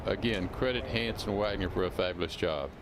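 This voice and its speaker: A man's voice: low voice, fairly quick, background noise. A man giving explanatory golf analysis in short, emphatic, opinionated phrases.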